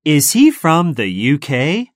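A woman reading textbook dialogue questions for a listening test, slowly and carefully enunciated for learners. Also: low voice, very animated, dry recording, studio quality.

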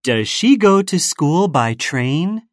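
A woman reading textbook dialogue questions for a listening test, slowly and carefully enunciated for learners. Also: low voice, very animated, no echo, clean studio sound.

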